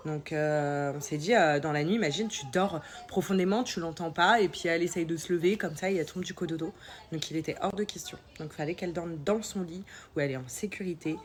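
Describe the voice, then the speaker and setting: Young mum vlogger, female, low register, blocked nose and sore throat, loose colloquial delivery. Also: quick pace. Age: young adult. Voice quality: congested, nasal, sore-throated. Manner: informal, colloquial, hesitant. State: coming down with a cold, sore throat. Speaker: mother vlogging about family life. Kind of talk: casual chat to followers.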